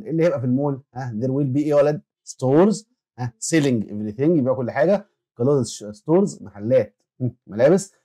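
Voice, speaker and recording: A male English teacher with an Egyptian Arabic accent runs a children's lesson at a rapid clip. His voice is dark and mellow. He drills vocabulary, waits for the pupils to repeat, and keeps tossing questions at them. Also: mid-range voice. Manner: quick, repeats words for pupils to echo and asks them questions. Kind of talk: classroom lesson explanation.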